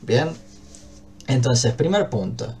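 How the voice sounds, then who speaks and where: A man with an Argentine Spanish accent explains a grammar point to his students. He sits at a middle pitch and speaks patiently, pausing often to check that everyone is following. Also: big pitch swings, creaky, darkish tone, a little hiss or hum. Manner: patient, checks understanding with frequent "¿bien?". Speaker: English teacher. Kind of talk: online class explanation.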